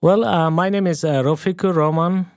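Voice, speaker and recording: A man's voice: sits high, fairly even intonation, normal speed, darkish tone, clean tone, dry recording, clean studio sound. A middle-aged man from Bangladesh, a plumber and investor, telling his story in earnest broken English as a podcast guest. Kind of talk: casual interview chat.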